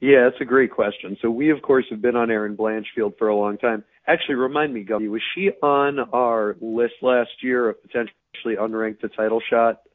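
Hoarse, raspy man on a tinny line. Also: medium pitch, steady tone, moderate pace, few pauses. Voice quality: raspy, strained voice. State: hoarse, losing his voice. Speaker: sports podcast co-host. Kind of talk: casual sports analysis. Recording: tinny radio-like narrowband line.

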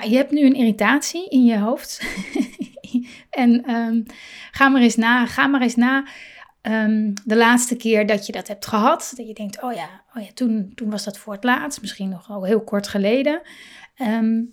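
Woman, middle-aged, podcast host, slightly high voice, gentle hesitant monologue. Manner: calm, hesitant, many fillers and self-questions.

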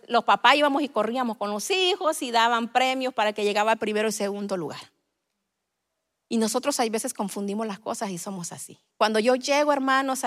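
Female preacher, fervent sermon delivery, sharp tone, reverberant church hall. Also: on the high side. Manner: swings from soft storytelling to loud fervent preaching. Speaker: guest preacher. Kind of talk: Pentecostal sermon.

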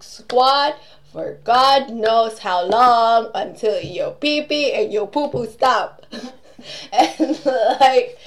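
A young woman from the Philippines chatting casually as a podcast co-host, telling stories with lots of giggles. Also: a little high. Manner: giggly, animated storytelling. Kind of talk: casual chat.

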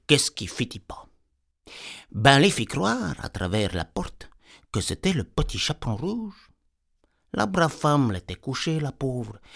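A man's voice: mid-range voice, a bit bright. Rambling rustic storyteller man. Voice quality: rambling, digressive peasant chatter. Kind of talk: comic folksy storytelling.

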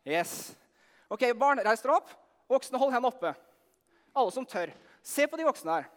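High-voiced preacher in a hall. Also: male voice. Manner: energetic, asks the audience questions, shouts to lead cheering. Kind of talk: lively sermon with audience participation. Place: large hall with long reverb. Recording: reverberant hall sound.

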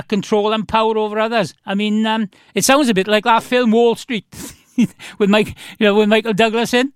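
A man with a South Wales Valleys accent and a high, clean voice hosts a casual chat. He rambles on in a matey, effusive way, as an interviewer among friends. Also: fairly bright tone, smooth, dry recording, clean studio sound. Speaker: radio host, interviewer.

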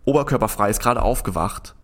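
A young man with a lowish voice tells a long, rambling anecdote in relaxed conversation. He talks in an animated way, keeps restarting his sentences, and leans on filler words. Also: quick pace. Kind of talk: casual storytelling in conversation.

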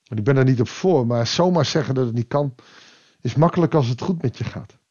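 A man preaching a devotional sermon, reflective and pausing, rising with emphasis and then dropping to a quiet voice. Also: medium pitch, slightly rough, highs cut off.

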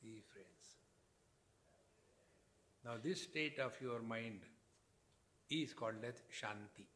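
A man's voice: mid-range voice, a bit bright. Indian-accented man giving an emphatic spiritual discourse. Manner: deliberate, emphatic short phrases with pauses. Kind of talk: spiritual discourse with Sanskrit verse.

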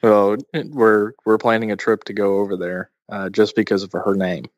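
Low-voiced chatty male co-host. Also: flat delivery, normal speed, dry recording, muffled recording. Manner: chatty, tells long anecdotes. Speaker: podcast co-host. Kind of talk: casual podcast chat.

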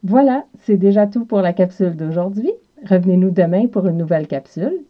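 A woman's voice: mid-range voice, animated, brisk, highs cut off. A woman from Quebec with a Quebec French accent, hosting a scripted language lesson in a didactic, carefully enunciated way. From Quebec, South Shore of Montreal. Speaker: podcast host and French teacher. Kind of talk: scripted language lesson with repeated practice phrases.

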